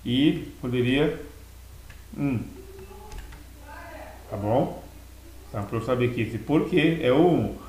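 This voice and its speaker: A man giving a recorded language lesson, explaining vocabulary slowly and repeating words in two languages. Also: mid-range voice, expressive, darkish tone, roomy sound, slight background noise, low-quality recording. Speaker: English teacher.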